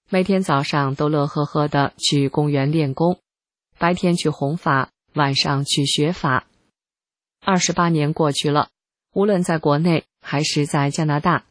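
A narrator calmly reading a first-person testimony article in steady scripted narration. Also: mid-range voice, no room sound.

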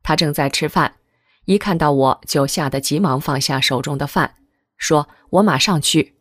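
Low-voiced woman reading steadily. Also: normal speed, no room sound, clean studio sound. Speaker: article reader. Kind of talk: scripted reading of a testimonial article.

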